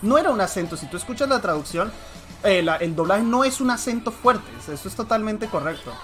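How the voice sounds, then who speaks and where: A man hosting a casual stream chat, relaxed and chatty and quick to laugh. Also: high-pitched, faint music behind.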